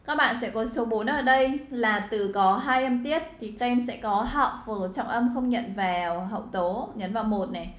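Chatty woman teacher, high voice, echoey room. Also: normal speed, hardly any pauses. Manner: chatty, addresses students directly, frequent fillers. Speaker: English teacher. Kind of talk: exam walkthrough lesson.

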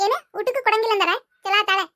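Voice actor as a teasing village boy friend, North Karnataka accent, very high and rapid talk, for a cartoon. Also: pushed and bright, no echo, clean studio sound. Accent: North Karnataka Kannada. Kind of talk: cartoon voice acting.

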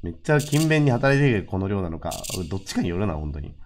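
A man with a low voice comments on a horror game in a loose, casual way. He stays unbothered and jokey, and his voice swings widely in pitch. A faint hiss sits under his voice. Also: fast. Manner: joking, unflustered banter with the game characters; lively, dry running remarks to himself. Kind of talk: casual let's-play commentary.

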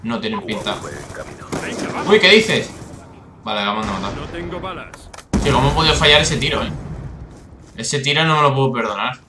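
A man with a Spain Spanish accent giving excitable, swearing live commentary over his own gameplay, with bursts of frustration. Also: medium pitch, moderate pace, pauses often, reverberant, noisy background. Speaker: gaming YouTuber.

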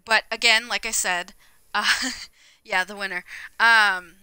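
A woman's voice: medium pitch, fairly even intonation, takes it slowly, pushed and bright, clean tone, dry recording, rough recording. A laid-back young woman streaming games live, chatting casually and rambling with lots of fillers. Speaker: gaming streamer.

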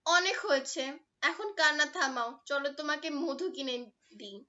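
A woman's voice: sits high, normal speed, pushed and bright, distant mic, muffled recording. A woman voicing a stern, exasperated mother who scolds her child, in a children's storybook reading.

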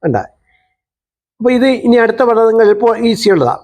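A man teaching Quran reading in a patient call-and-response lesson, drawing words out slowly for a student to repeat. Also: very high voice, steady tone, a little mellow. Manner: slow drawn-out recitation of words for repeating.

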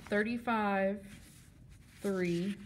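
A woman's voice: mid-range voice, extremely slow, a little hiss or hum. A woman teacher giving a plain, step-by-step walkthrough of a classroom game, showing the props as she talks. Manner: plain explanatory, steady step-by-step.

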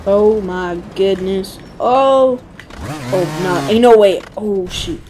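A woman giving casual, excitable, slang-heavy commentary while playing a game, talking into a headset. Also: mid-range voice, background noise. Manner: excitable, slangy, quick exclamations. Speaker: gaming channel host. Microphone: gaming headset.

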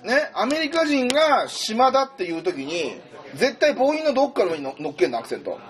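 A man's voice: very high-pitched, sing-song, brisk. A man tutoring in a casual, chatty way, thinking aloud as he explains. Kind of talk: casual whiteboard lesson.

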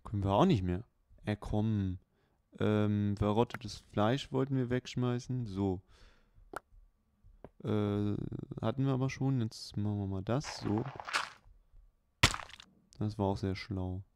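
A man hosting a let's play, giving unhurried, chatty running commentary with many fillers. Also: fairly low pitch, fairly even intonation, dark tone. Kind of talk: casual gameplay commentary. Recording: clear background hiss.

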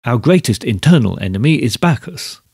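A man reading the part of a coarse, arrogant man who dictates pompous, bombastic phrases into a letter, in a gravelly, husky voice. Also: mid-range voice, very animated, brisk, a little mellow, dry recording, clean studio sound, exaggerated voice. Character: coarse, arrogant fat innkeeper's scribe.

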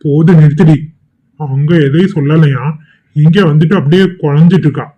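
A man's voice: on the high side, little pitch movement, moderate pace, natural voice. A man voicing a harsh, contemptuous young man in a cartoon. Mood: angry. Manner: snapping, contemptuous. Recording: tinny phone-like audio.

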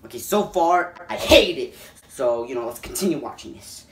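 A man hosting a reaction video, excitable and swearing constantly, breaking into loud yelps of disbelief. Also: mid-range voice, normal speed, soft background music. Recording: echoey room.

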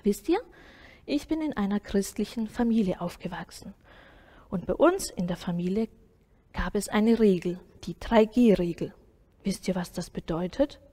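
A woman voicing a caring, gently firm grandmother in a children's story, breathy and coaxing. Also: mid-range voice, normal speed, big-room sound, natural voice. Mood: explaining.

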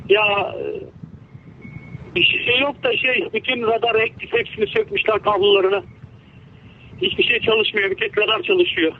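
High-voiced man over a tinny walkie-talkie link. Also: steady tone, moderate pace, pauses often. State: injured, with an aching head. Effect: two-way radio transmission. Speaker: ship crew member at sea. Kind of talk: tense real radio conversation. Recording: narrow tinny radio link, faint noise.

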